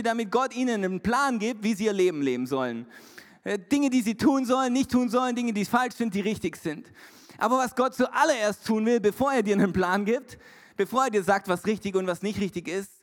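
A man preaching a sermon as a pastor, emphatic and repetitive, with English words dropped into his talk. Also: sits high. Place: church hall. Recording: reverberant church hall.

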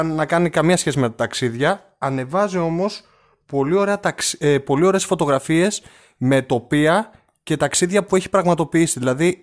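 A young man from northern Greece co-hosting a podcast in casual chat, easygoing and a bit hesitant, stumbling over names. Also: fairly high pitch. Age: young adult. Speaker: podcast co-host.

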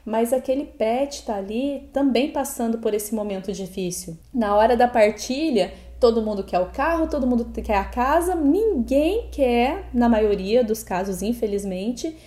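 Speaking at a measured pace with few pauses, a Brazilian woman co-hosts a pet podcast, earnest and reflective, choosing words as she goes. Her voice is on the high side with a dark tone. She advocates for animal protection, and the recording has a roomy echo.

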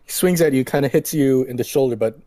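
A man running a tabletop game as game master, narrating in a relaxed way with frequent laughter. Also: mid-range voice, quick pace, no echo.

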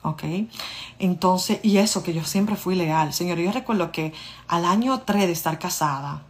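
A woman vlogger with a lowish voice and a measured pace tells her own story in a casual monologue. She addresses her listeners directly and acts out the dialogue.

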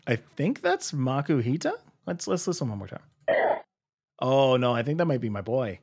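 Animated young man guessing aloud. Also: medium pitch, moderate pace, gravelly, breathy edge. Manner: playful, hesitant, imitates sounds. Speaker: quiz player. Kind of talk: casual chat.

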